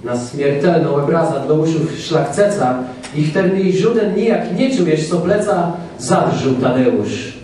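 A man with a Kashubian accent narrating in verse, with slow, measured delivery. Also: a little high, animated, mellow. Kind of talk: verse recitation. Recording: echoey room, far from mic.

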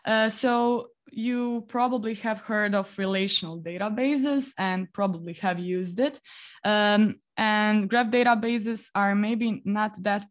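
A woman's voice: mid-range voice, slow. Young croatian woman on a video call webcam mic, friendly workshop talk, lots of uhs, little laughs. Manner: friendly, laughs often, explains step by step with fillers. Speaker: developer relations engineer presenting a workshop. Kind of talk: live online technical presentation. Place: home room on a video call.

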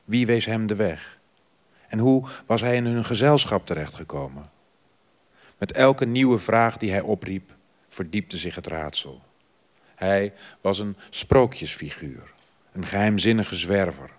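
Deep-voiced man in a measured reading. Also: animated. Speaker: writer reading at a festival. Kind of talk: literary reading at a festival. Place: theatre stage before an audience.

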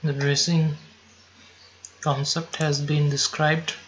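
A man giving slow, step-by-step software instructions over a screen recording, now and then correcting himself. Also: on the high side, little pitch movement, lo-fi sound, a little hiss or hum.

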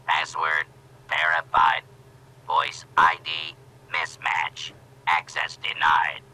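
A man voicing a cold male bank security computer, with a processed computer effect and flat, clipped announcements. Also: extremely low pitch, full character voice, low-quality recording.

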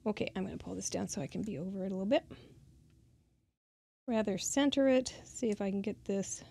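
A middle-aged woman hosting a casual crafting tutorial, chatty and quick to laugh at her own mistakes. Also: mid-range voice, creaky, dark tone, husky. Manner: chatty, self-deprecating, laughs at herself. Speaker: craft show host.

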